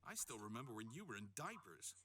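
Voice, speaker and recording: A man voicing a gruff middle-aged detective uncle in a video game, speaking in a plain, matter-of-fact way. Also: mid-range voice, sing-song, quick pace, bright, forceful tone. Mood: steady. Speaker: game character.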